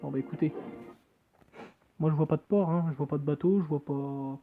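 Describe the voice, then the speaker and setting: A man with a fairly high voice plays a phone game, reading its text aloud and commenting casually and hesitantly, with lots of fillers and jokey asides. He speaks fairly quickly, and the tinny, phone-like screen recording carries faint game music.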